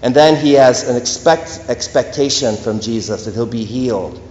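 An earnest priest preaches a homily, pressing his points home with steady emphasis. His voice rings through a large church with a long, roomy echo. The recording sounds dull and lo-fi. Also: mid-range voice, moderate pace. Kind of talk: sermon. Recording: echoey church hall, dull lo-fi.

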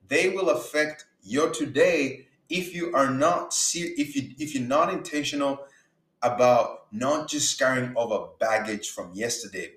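A Ugandan man delivers an earnest motivational talk on faith and business, repeating words for emphasis. His voice is mid-range with a fairly bright tone, and the recording has a roomy echo.

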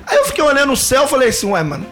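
A man's voice: very high-pitched, racing. A man with a Belo Horizonte accent, a podcast guest telling a story with lots of laughing and acted-out dialogue. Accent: Belo Horizonte, Minas Gerais. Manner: animated, laughing storyteller who acts out dialogue. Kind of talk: casual podcast chat.

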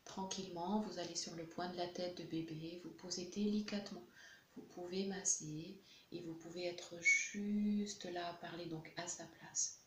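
A woman leads a tapping session with calm, gentle instructions. Her voice sits low for a woman. The recording rings with room echo over a faint hiss. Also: dull audio. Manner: gentle, slow, soothing guidance. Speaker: EFT practitioner guiding a session.

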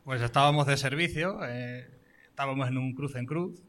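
A man from Spain, a local police officer, telling an anecdote on stage in a dry, deadpan, laconic way. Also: mid-range voice, normal speed, a crowd in the background. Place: stage at a live comedy show.

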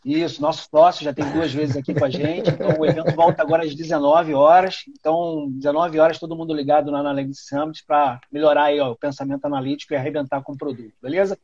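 A man's voice: fairly high pitch, flat delivery, quick pace, few pauses, a little mellow. Brazilian man hosting, in dull call audio. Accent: Brazilian Portuguese. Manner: informal, slangy, chatty. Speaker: host of an online product management talk show. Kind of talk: casual live interview hosting. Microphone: video call.

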